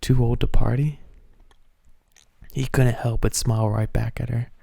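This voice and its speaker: A man's voice: medium pitch, flat delivery, unhurried, creaky, dark tone, no room sound, clean studio sound. A man giving an amateur dramatic reading of fan fiction, with amused asides. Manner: breaks character with amused asides.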